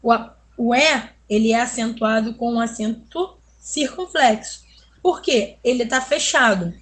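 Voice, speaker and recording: A woman teaches a children's video lesson in a fairly high voice. She goes slowly and patiently, drawing out vowels and example words so young pupils can hear them. She keeps checking in with her class as she explains. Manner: ends phrases with "tá?" checking in with pupils. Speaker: primary school teacher.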